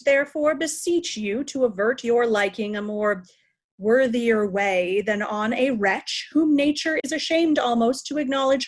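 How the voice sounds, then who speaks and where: A woman playing a proud, wrathful old king in formal, commanding Shakespearean stage verse. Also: a little high. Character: old king Lear, proud, wrathful, imperious male monarch. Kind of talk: Shakespeare reader's theatre acting.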